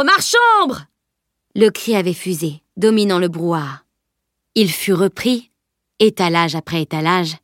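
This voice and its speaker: A woman narrating a fantasy novel as an audiobook, in a measured, expressive reading. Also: mid-range voice, no echo, studio quality.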